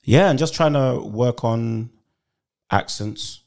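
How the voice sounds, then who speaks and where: A man, an actor, chatting casually on a podcast in a relaxed way, full of "you know" and "man". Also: medium pitch, takes it slowly, very noisy. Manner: relaxed, laid-back, many fillers like "you know" and "man". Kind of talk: casual chat.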